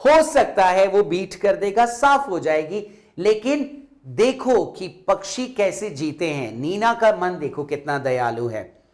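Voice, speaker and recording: Patient male teacher explaining a story to kids, high voice, slow and deliberate. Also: very animated. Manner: patient, addresses children directly. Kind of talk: explaining a storybook lesson to children.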